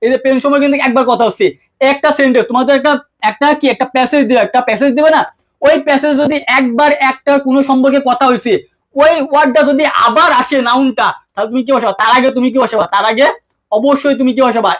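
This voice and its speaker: A man's voice: very high-pitched, steady tone, fairly bright tone. A man teaching an English grammar lesson, constantly asking his students questions and answering them himself in a casual, colloquial way. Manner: quick-talking, keeps asking students questions; colloquial, mixes English terms into speech. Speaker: English tutor. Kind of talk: online exam-prep lesson.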